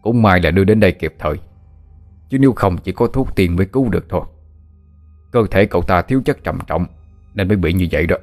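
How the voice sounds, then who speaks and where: Weary older doctor, as a male narrator plays him, low calm voice, reassuring. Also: fast, long pauses, soft background music. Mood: grave.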